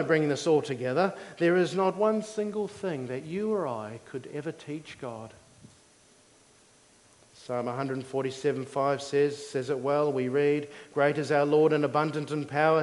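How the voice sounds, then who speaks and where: A man preaching a teaching sermon in a measured, didactic way, explaining things simply in short phrases. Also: medium pitch. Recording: long hall reverb.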